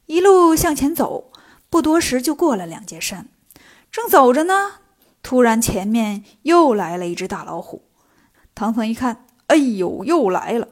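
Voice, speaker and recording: High-voiced playful woman storyteller. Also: unhurried. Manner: lively, playful asides. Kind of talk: comic children's story narration.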